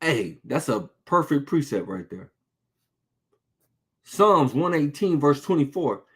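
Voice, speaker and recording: Lively high-voiced casual preacher man. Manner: conversational, street-casual preaching with rhetorical questions; reads scripture slowly and deliberately. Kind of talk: informal sermon with scripture reading.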